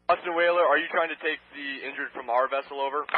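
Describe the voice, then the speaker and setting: A man's voice: on the high side, steady tone, quick pace. A Coast Guard radio operator, a man, giving clipped, formal calls over a marine radio transmission. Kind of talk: terse marine radio procedure. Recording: tinny marine radio with faint static.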